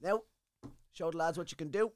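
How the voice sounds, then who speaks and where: A man with an Irish accent voicing an angry male army sergeant major who stammers as he shouts orders. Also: on the high side, fairly quick, voice pushed up, lightly acted. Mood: barking orders. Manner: loud, barking, stammering with annoyance.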